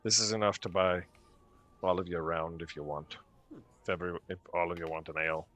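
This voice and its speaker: A man's voice: sits low, fairly even intonation, brisk, fairly bright tone. A man voicing a polite, wary human innkeeper in a tabletop game, with courteous, slightly nervous speech.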